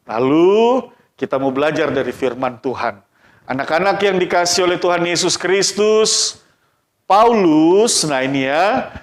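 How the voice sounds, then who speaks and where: Male pastor, children's sermon, animated and questioning, raised voice, roomy church echo. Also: sits high. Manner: animated, questioning the children, acting out their lines.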